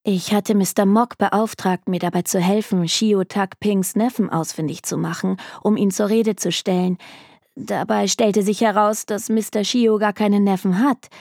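A woman's voice: medium pitch, fairly even intonation, moderate pace, darkish tone, dry recording, studio quality, natural voice. A woman voicing a determined, grieving young woman who asks a detective for help, earnest and pleading.

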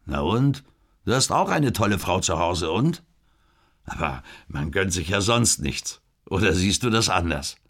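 A male narrator voicing a smug middle-aged doctor in an audiobook, sure of himself and a little curt. He has a low, husky voice. He teases with easy confidence. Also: big pitch swings, unhurried, heavily acted. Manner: self-assured, teasing, a little curt. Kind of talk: audiobook character voice.

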